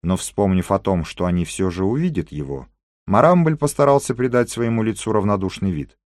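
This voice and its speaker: Audiobook narrator, male, low voice, measured reading, dry close sound. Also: expressive, darkish tone, dry recording. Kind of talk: scripted narration.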